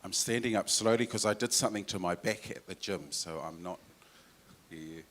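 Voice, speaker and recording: A man with a New Zealand accent addresses a public forum as a councillor, his voice sitting very low. He talks in a relaxed, informal way, often pausing on fillers and restarting his phrases. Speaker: councillor and mayoral candidate.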